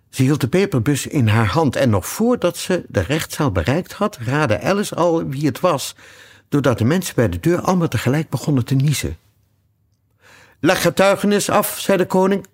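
A man reading a children's classic aloud with lively, expressive narration. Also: mid-range voice, normal speed, breathy edge. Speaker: audiobook reader. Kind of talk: storybook reading.

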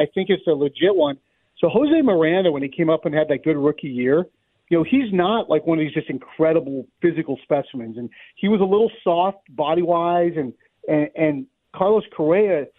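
A man with a fairly high voice, a baseball announcer being interviewed, offers conversational sports analysis. He's wordy and repeats words as he thinks aloud. The audio sounds thin and phone-like, with no echo.

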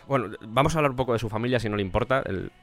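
A man's voice: medium pitch, racing, faint music behind. A man acting as the interviewer in a comedy sketch, with a dry manner that turns more and more exasperated.

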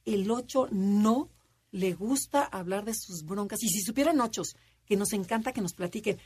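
A woman's voice: normal speed, a little mellow, slightly rough. A woman co-hosting a casual radio talk show, chatty and explaining with examples. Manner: chatty, acts out quotes in a high voice. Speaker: radio co-host.

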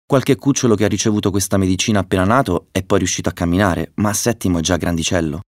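A man reading a children's story, voicing a calm, wise female owl doctor who explains gently. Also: deep voice, fast talker, no echo, studio quality, lightly acted. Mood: calm, explaining.

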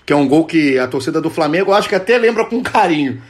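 A man's voice: fairly high pitch, expressive, fast. A male football podcast host interviewing conversationally, with eager, winding questions.

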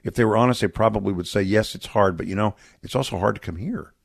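A middle-aged man from Texas speaks as a guest on a radio interview in an earnest, reflective manner. His voice sits low and carries a gravelly edge. The studio sound is dry and close. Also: fast talker, dry recording. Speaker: charity representative guest.

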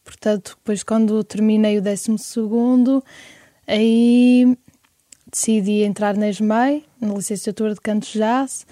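A woman's voice: mid-range voice, fairly even intonation, a little slow, warm tone, dry recording, studio quality. A woman in her twenties from Porto with a European Portuguese accent, chatting easily as a guest singer-songwriter in an interview. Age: 20s. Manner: easygoing, chatty. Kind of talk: casual interview chat.

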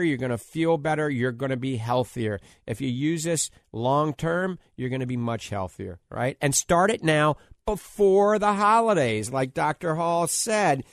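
A man with a New Orleans accent giving an informal, radio-style health talk and product pitch, emphatic and repetitive as he lists his points. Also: dry recording, studio quality. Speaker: health show host promoting diet and supplements.

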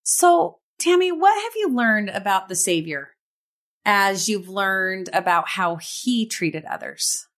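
Brief: woman host, mid-range voice, reflective, gently asking questions. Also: medium pitch, animated, slow pace. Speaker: podcast host. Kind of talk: casual faith podcast interview.

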